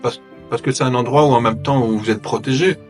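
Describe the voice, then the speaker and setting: Man counselling in gentle, probing manner. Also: medium pitch, fairly quick, faint music behind. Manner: gentle probing, reflects back what is said. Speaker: host counselling a guest. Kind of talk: therapeutic interview.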